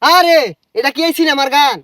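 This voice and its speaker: A man's voice: very high-pitched, normal speed, heavy background noise. A man, playing the grumbling sidekick in a comedy sketch. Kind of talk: comic sketch acting.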